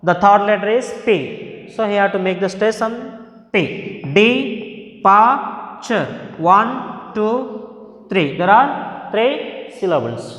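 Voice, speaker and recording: Male teacher, Telugu accent, higher voice, drawn-out classroom drilling, big reverberant hall. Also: animated. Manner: slow, drawn-out, repeating words to model stress. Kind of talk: classroom lesson mixing English and Telugu. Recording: echoey hall with long reverb.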